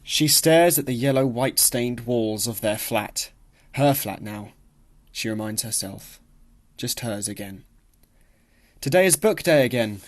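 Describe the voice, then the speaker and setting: In a medium-pitched voice, a man reads literary fiction for an audiobook. He performs expressively, changing his voice to act out the characters' dialogue.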